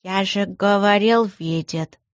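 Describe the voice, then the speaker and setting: A woman's voice: mid-range voice, normal speed, no room sound, studio quality, close to an everyday voice. Woman doing a cheeky tiny house spirit boy. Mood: whispering. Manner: mischievous, tattling.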